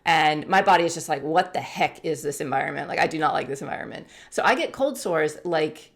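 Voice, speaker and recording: A woman's voice: deep voice, animated, fairly quick, vocal fry. A woman from the United States, in her forties, chatting candidly to camera as a YouTuber and laughing often. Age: 40s. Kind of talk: casual talk to camera.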